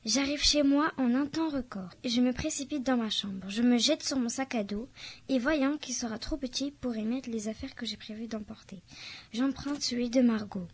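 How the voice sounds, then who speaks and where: A high, light female voice reads a novel excerpt aloud at an even, careful pace. She lifts her pitch further whenever she voices the characters' quoted lines. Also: normal speed, breathy edge. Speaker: reader.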